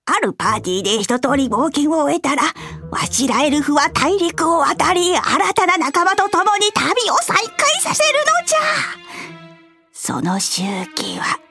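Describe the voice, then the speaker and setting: A woman's voice: high voice, very animated, bright, forceful tone, heavily acted. A woman acting an elf over a hundred years old in a fantasy drama, with archaic old-lady speech and a playful, bossy manner. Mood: sage, confiding. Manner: archaic old-person speech, drawn-out delivery. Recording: music under the voice.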